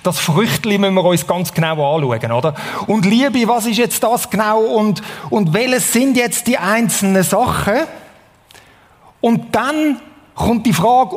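Swiss preacher with a high voice in a reverberant hall. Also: male voice, animated, measured pace. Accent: Swiss German. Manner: conversational, asks the audience questions. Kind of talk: sermon.

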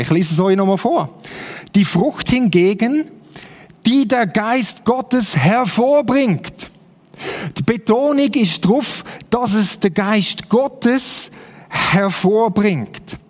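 Man, swiss german accent, sermon, chatty, keeps asking the listeners, high voice, long hall reverb. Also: darkish tone. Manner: conversational, keeps asking the congregation "oder?". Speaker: preacher.

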